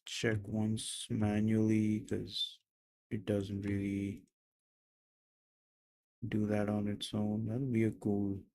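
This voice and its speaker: A man's voice: lowish voice, monotone, slow pace, long pauses, a little mellow, poor audio. A young man mumbling to himself as he talks through building a 3D model on a stream. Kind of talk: casual thinking aloud while modeling.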